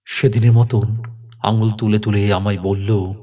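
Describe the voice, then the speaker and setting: A man's voice: on the low side, little pitch movement, unhurried, mellow. A man voicing a grave, shaken elder landowner. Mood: insistent.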